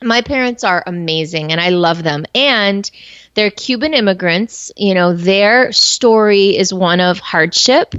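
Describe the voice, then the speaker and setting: A woman's voice: medium pitch, unhurried, fairly bright tone, clear, resonant tone, no echo. Candid woman in her forties, muffled recording. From born in Colombia, raised in the United States. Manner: reflective, candid, with frequent fillers. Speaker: guest entrepreneur. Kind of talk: candid interview conversation. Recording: slightly muffled, dry recording.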